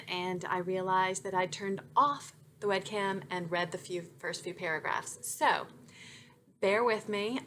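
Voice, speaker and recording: A woman's voice: mid-range voice, fairly bright tone, slight background noise. A woman author, chatty and self-deprecating, reading from her own romance novel into a webcam. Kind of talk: chatty intro then novel reading aloud.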